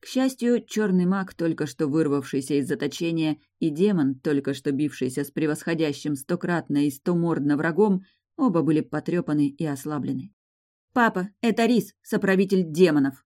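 A woman's voice: sits low, moderate pace, mellow. A woman narrating a first-person fantasy novel with vivid, emotional storytelling. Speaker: audiobook narrator.

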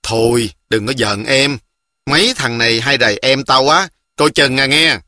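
A man's voice: medium pitch, normal speed, bright, forceful tone, dry recording, clean studio sound. A man as a cocky boastful village boy. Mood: breezy, teasing. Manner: teasing, breezy.

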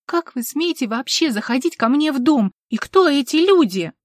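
Woman reader as a scared, indignant young shopkeeper: shrill protests, dry close sound. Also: animated, unhurried, a little mellow, slightly rough, no echo.

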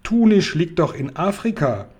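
A man reading a children's book aloud, voicing a huge, kindly, muddle-headed male giant who booms and mixes up his words. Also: very animated, normal speed, darkish tone, husky. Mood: blustering.

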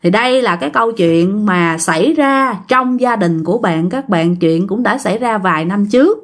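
A woman's voice: mid-range voice, expressive, moderate pace. A woman telling a family ghost story in a chatty way, often speaking to her listeners. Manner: chatty, addresses listeners directly. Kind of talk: casual ghost story narration.

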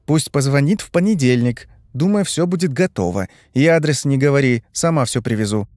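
A man's voice: mid-range voice, lively intonation, a little fast, a little mellow, no echo, studio quality, voice pushed up, lightly acted. Curt, secretive schemer voiced by a man, clipped, level delivery, no room sound. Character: cold, scheming, secretive woman.

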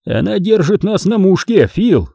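A man's voice: sits high, sing-song, measured pace, creaky, warm tone, slightly rough, no room sound, studio quality, pitched above the performer's own voice, heavily acted. A man doing a cold, ironic hitman. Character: cold, ironic male mafia hunter.

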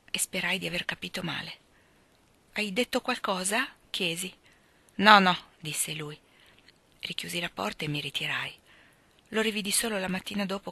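A woman reading a literary novel aloud, giving the dialogue louder, slower lines. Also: on the low side, no echo. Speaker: audiobook reader.

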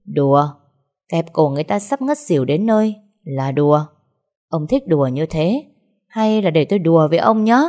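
A woman's voice: sits low, lively intonation, moderate pace, mellow. A woman voicing a young male company boss who speaks in clipped, menacing lines.

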